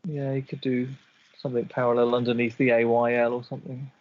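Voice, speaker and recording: A man's voice: medium pitch, flat delivery, quick pace, highs cut off. A man giving live game commentary, chatty and analytical as he breaks down each move.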